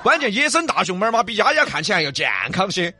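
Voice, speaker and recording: A man's voice: high-pitched, very animated, rapid-fire, sharp tone, breathy edge. A man with a Sichuan accent co-hosting a comedy talk show, joking and teasing in casual Sichuan dialect banter.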